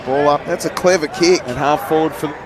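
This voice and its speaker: A man with an Australian accent calling a live football match, excitable and shouting at big moments. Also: on the high side, fairly quick. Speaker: sports commentator. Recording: outdoor ground with loud crowd and noise. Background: crowd and outdoor noise.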